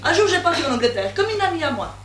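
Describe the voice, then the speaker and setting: A woman's voice: extremely high pitch, very animated, rapid-fire, noisy background. A woman playing a brazen, mercenary young woman with a cheeky, cynical manner, in an amateur stage comedy. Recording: echoey stage from far off.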